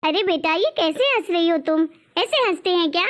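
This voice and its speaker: High-pitched voice, strict nagging cartoon mom, a woman voicing her, lecturing, scolding. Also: lively intonation, moderate pace, a bit bright. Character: strict nagging middle-aged mother. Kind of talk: cartoon story voice acting.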